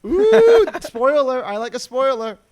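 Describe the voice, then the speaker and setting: A man's voice: sits high, moderate pace, a bit bright. A male podcast co-host in casual chat, joking, laughing often and stumbling over repeated words. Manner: jokey, laughs often, stammers and repeats himself.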